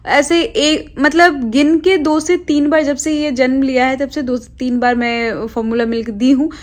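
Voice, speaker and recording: A young woman talks to camera in a relaxed, rambling way, filling gaps with hesitant pauses as she catches her viewers up. Her voice sits a little higher than average. She sounds like a lifestyle vlogger in casual conversation. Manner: chatty, rambling, with frequent hesitations.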